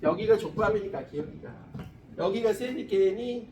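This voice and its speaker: A man in his forties teaching a high school science class, blunt and teasing, swearing often. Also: normal speed. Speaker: science tutor. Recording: classroom recorded from a distance, faint room noise.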